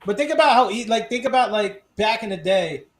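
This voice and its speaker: A man co-hosting a podcast, telling stories in animated, slangy casual chat and swearing freely. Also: sits high, fairly quick, crowd noise.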